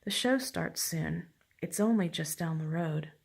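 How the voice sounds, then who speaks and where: A grandmother putting on an eager little farm girl from a storybook, pitched up and loud as she hurries the family along. The tone keeps a husky edge. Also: a little slow, heavily acted. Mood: urgent.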